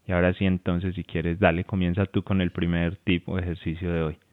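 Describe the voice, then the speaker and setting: A man co-hosting a relationship advice talk, relaxed and often restarting his phrases. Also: low-pitched, brisk, dry recording. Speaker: co-host and relationship coach. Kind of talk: casual advice talk to viewers. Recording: tinny phone-like sound, dry.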